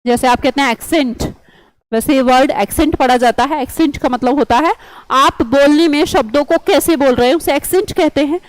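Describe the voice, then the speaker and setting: High-voiced woman teaching vocabulary. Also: brisk, dry recording, rough recording. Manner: coaxing, chatty, quizzes students with memory tricks. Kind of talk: online vocabulary lesson.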